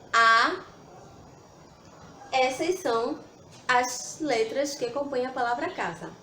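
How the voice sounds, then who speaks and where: A woman's voice: high-pitched, a little hiss or hum. A woman teacher giving a children's lesson, patient, sounding words out syllable by syllable. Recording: echoey room with faint ambience.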